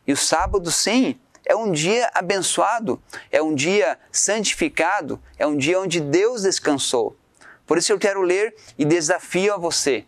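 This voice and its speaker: A man's voice: on the high side, no echo. Earnest male Bible teacher, dry sound. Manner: earnest, slows down to stress key words. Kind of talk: Sabbath school lesson with scripture reading. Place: studio set with sofa and curtains, indoors. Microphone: lapel mic.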